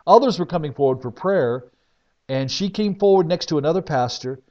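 A man preaching from the pulpit, his voice sitting a little high for a man. He tells his stories emphatically, surging loud and dropping low again. The recording is dull and lo-fi. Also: lively intonation, brisk. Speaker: pastor. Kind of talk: sermon testimony.

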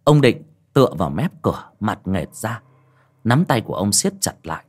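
A man's voice: on the low side, sing-song, moderate pace, breathy edge. A man narrating a horror audiobook in a dramatic storytelling manner. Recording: narration over faint music.

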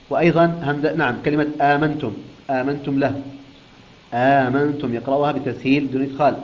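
A man teaching a recitation lesson, explaining rules and then chanting the example words slowly and melodically. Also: mid-range voice, a little mellow, muffled recording.

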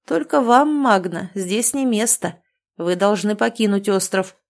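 A woman voicing a stern, cruel male island guard who talks with rough scorn, in a read-aloud fantasy story. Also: mid-range voice, unhurried. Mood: mocking.

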